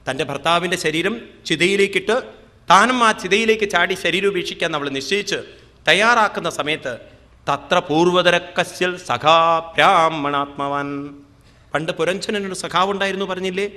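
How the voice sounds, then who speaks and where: Man, spiritual teacher, religious discourse, slow verse chanting, rhetorical questions, bright forceful tone. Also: on the high side.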